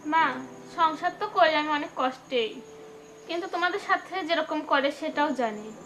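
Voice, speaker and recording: A woman's voice: sits high, lively intonation, moderate pace, a bit bright. A woman with a rural Pabna Bengali accent playing a weary young wife who pleads and sounds resigned. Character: weary young wife defending her husband.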